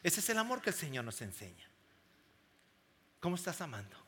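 A man's voice: on the high side, very animated, fairly quick, sharp tone, slightly rough. A man preaching a sermon to a congregation, emphatic and full of questions to the crowd. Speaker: pastor. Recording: long hall reverb.

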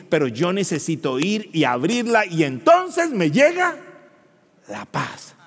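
High-voiced preacher man in reverberant church. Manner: swings from hushed to shouted, dramatic storytelling. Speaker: pastor. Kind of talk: sermon.

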